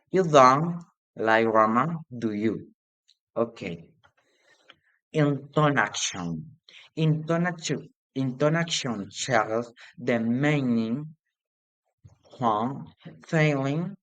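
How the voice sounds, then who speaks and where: Man, English, very slow, halting, hesitant, classroom presentation. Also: medium pitch, low-quality recording. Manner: halting, hesitant, with frequent restarts. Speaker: student presenting a grammar lesson. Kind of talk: read-aloud classroom presentation.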